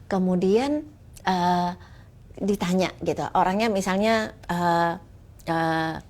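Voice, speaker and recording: A woman teaching English in a live-stream lesson, explaining patiently and reading English example sentences slowly. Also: lowish voice, steady tone, a little mellow.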